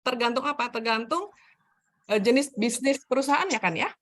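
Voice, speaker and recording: A woman's voice: high voice, lively intonation, moderate pace. A middle-aged woman giving a chatty, anecdote-filled career talk over a video call. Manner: chatty, anecdotal, laughs between stories. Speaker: HR trainer, session speaker.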